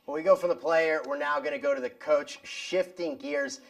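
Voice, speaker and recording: A man's voice: on the high side, big pitch swings, moderate pace, creaky. A man hosting a sports show, introducing segments in an upbeat way. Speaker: show host.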